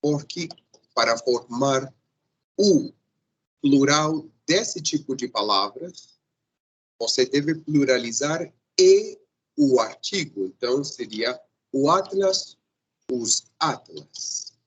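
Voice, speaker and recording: A male teacher giving a grammar lesson, patient and repetitive, often pausing to check that the class follows. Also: mid-range voice, expressive, husky, poor audio.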